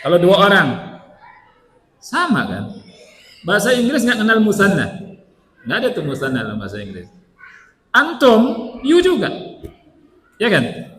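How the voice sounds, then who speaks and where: A man's voice: high-pitched, wildly swooping pitch, a little slow, pauses often, fairly bright tone. An Indonesian man giving a playful religious lecture in a mosque, quizzing his audience with rhetorical questions. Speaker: religious teacher. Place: mosque hall. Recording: echoey hall reverb.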